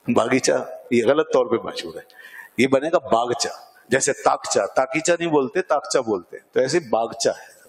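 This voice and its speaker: A man delivers a religious lecture in a measured, explanatory way, slowing down whenever he recites the Arabic verse. His voice sits in a middle pitch. The sound carries the long reverb of a large hall. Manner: explanatory, asks and answers own questions. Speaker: Islamic scholar.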